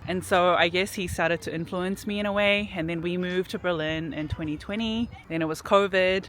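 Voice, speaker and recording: A woman talks through her personal story in a relaxed, reflective way, dropping plenty of casual fillers. She records outdoors in a city park, with faint traffic behind her. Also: fairly low pitch. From New Zealand. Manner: reflective, chatty, frequent "like" fillers. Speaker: vlogger.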